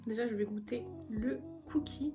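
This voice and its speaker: A young woman talks through her shopping finds in a relaxed, chatty vlog, gushing over each item. Her voice sits a little high, and clear background music runs under her talk. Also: moderate pace. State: a little out of breath. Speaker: vlogger. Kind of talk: casual haul vlog.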